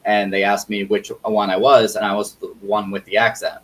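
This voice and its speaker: A man's voice: lowish voice, level tone, normal speed, a bit bright, a little hiss or hum, rough recording. A man talking candidly and plainly in a casual group video call.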